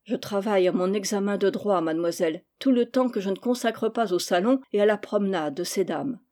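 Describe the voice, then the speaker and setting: A woman reading aloud and voicing a young man, a tutor who grumbles and lectures in a measured way. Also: medium pitch, dark tone, natural voice. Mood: formal.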